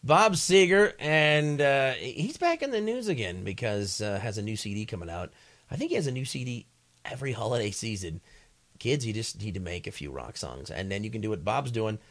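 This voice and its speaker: A man's voice: medium pitch, sing-song, brisk, a bit bright. A man putting on the voice of a macho male classic rock radio DJ, doing a mock radio break with filler uhs. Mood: upbeat pitch. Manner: punchy announcer delivery with filler uhs.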